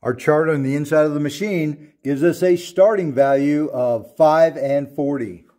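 In a home auto shop, a man in his thirties walks through a welding tutorial step by step, speaking slowly and deliberately as he instructs. His voice sits on the high side but has a dark tone.

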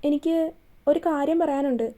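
A woman's voice: high voice, normal speed, mellow, lightly acted. A woman reading a stern commanding young man. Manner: firm, questioning tone.

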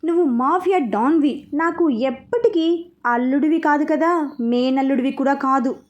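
A woman's voice: high-pitched, moderate pace, lightly acted. A woman voicing a scheming, sarcastic middle-aged man in a read-aloud story. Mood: taunting. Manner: taunting, sarcastic.

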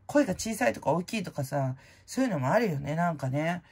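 Blunt, rambling woman with a gravelly low voice. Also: expressive, fairly quick. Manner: rambling, blunt, slangy, many fillers; loud-voiced by her own account. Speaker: prize-winning vlogger host. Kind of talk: casual chat.

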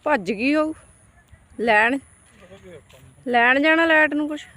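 A woman's voice: sits high, takes it slowly, pushed and bright. A woman with a rural Punjabi accent chatting casually in a homely, exclamatory, grumbling village way as she vlogs outdoors. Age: adult, mother of a child. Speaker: vlogger. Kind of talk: casual chat to camera and family during farm chores. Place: outdoors on a farm.

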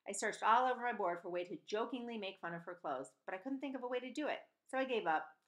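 With a medium pitch and a quick pace, a woman in her forties reads a novel expressively, the way one might read a storybook aloud. She's animated, though she sometimes stumbles and corrects herself. A webcam mic on her desk captures her in a small room at home.

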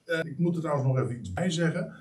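A man preaching a sermon, emphatic and animated, with frequent pauses and restarts. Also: a little high, far from the mic. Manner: lively, emphatic preaching with many hesitations. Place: church meeting hall.

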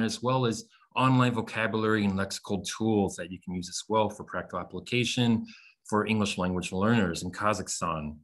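A middle-aged American man giving an informal online lecture as a teacher trainer, with measured, emphatic delivery. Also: fairly low pitch, a bit bright. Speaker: webinar presenter and English teacher trainer. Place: indoors, on a video call.

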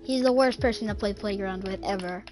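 A woman's voice: mid-range voice, brisk, a little mellow, faint music behind. A young woman chatting casually while gaming, matter-of-fact and teasing. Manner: matter-of-fact, complains, teases.

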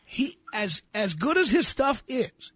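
Blunt, husky-voiced radio host. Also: male voice, very high-pitched, very animated, unhurried, fairly bright tone. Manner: blunt, lecturing, emphatic. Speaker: radio talk show host. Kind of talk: call-in advice talk.

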